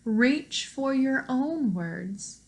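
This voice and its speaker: Reading aloud to children, a high-voiced woman animates a picture book like a classroom teacher would. She interrupts herself to explain words and invite the children to answer questions.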